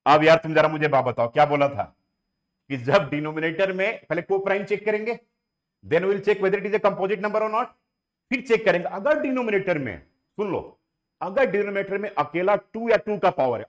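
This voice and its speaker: Male maths teacher, fairly high-pitched, coaxing and repetitive classroom delivery. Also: dull audio. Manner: coaxing and repetitive, mixes Hindi with English phrases. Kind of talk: classroom lecture.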